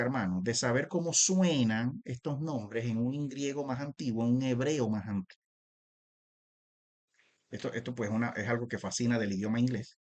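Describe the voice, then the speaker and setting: A man giving a video Bible lesson, speaking straight to the listener as "brother" with many restarts and tag questions, and slowly drawing out ancient names. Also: medium pitch. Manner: repetitive, addresses listener as "usted" and "hermano"; stretches out transliterated names slowly. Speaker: Bible teacher.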